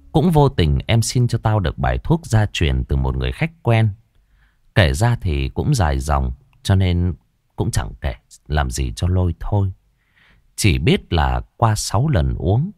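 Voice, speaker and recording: A man with a Southern Vietnamese accent telling a ghost story in the first person, gruff and blunt, cursing casually. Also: low voice, darkish tone, dry recording, studio quality.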